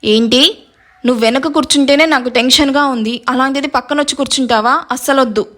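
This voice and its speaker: A woman's voice: high-pitched, brisk, fairly bright tone. A woman reading a brash, mocking young man. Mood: scolding. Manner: curt and mocking.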